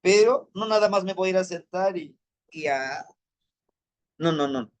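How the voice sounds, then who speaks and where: Slow, gentle man teaching. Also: sits high, lively intonation. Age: 40s. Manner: gentle, reflective, many rhetorical questions. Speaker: spiritual teacher. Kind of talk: guided spiritual lesson.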